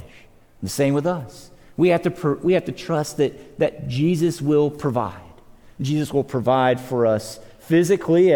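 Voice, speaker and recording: Male pastor, sermon, earnest, emphatic, slightly high voice, long hall reverb. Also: dark tone. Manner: earnest, repeats words, rises and drops in pitch for emphasis.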